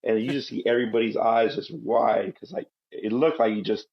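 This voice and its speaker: A man's voice: medium pitch, brisk, muffled recording. A man in his thirties, raised in Southern California, a podcast guest telling stories in a laid-back, rambling way. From Guatemala, raised in Southern California. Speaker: podcast guest, Marine veteran. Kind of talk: casual interview storytelling.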